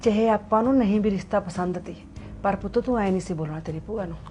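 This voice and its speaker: A middle-aged woman playing a mother gently coaxing her son to calm down. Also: mid-range voice, quick pace, slight background noise, lightly acted.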